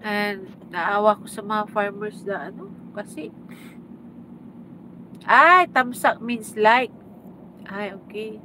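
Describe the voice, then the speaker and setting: A woman's voice: mid-range voice, slow pace, long pauses, bright, forceful tone, slight background noise, poor audio. A woman from the Philippines chatting casually on a livestream, mixing Tagalog and English and thanking viewers by name. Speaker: livestream host. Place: home with aircon running.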